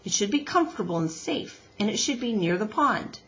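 Lady doing polite robot mom from a kids book, very proper n precise, earnest, sing-song pitch. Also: lively intonation, brisk, natural voice. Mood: matter-of-fact. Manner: formal, precise, without contractions. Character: polite, earnest, literal-minded female robot mother.

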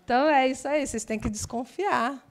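A woman teaching English in a live online exam-prep class, explaining in a chatty way with lively asides. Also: sits high, a little fast, slight background noise. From Brazil.

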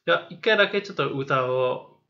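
A man teaching a review lesson to children in Japanese, saying words slowly and repeating them. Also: mid-range voice, animated, sharp tone. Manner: explains slowly in Japanese, then says and repeats English words. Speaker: English teacher. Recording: dull lo-fi recording.

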